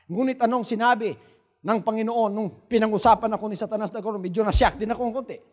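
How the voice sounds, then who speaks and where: A male pastor preaching a fiery sermon that swings between hushed asides and shouted declarations. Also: high-pitched, quick pace. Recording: echoey hall reverb.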